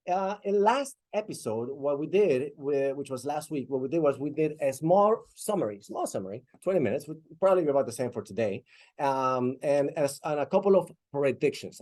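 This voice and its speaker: A man's voice: a little high, animated, brisk, dark tone. A man hosting a casual podcast, upbeat, laughing easily and rambling loosely. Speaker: podcast host.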